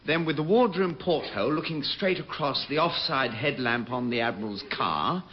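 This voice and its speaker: An actor playing a posh, flustered navigating officer with an affected, dithering manner in a radio sitcom. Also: male voice, mid-range voice, lively intonation, normal speed, close to an everyday voice. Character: silly, posh, flustered young male naval navigating officer. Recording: very noisy dull old radio recording.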